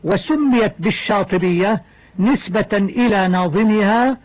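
A man teaching Quran recitation in a scripted lesson, explaining rules in a measured, deliberate way and chanting the example verses slowly. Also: high-pitched, narrow, tinny audio.

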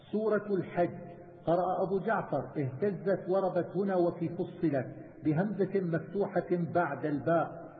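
A man teaching Quranic reading variants, chanting verse and then listing each variant in a measured, methodical way. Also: high-pitched. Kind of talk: chanted recitation and itemized explanation. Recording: tinny phone-like sound with long reverb.

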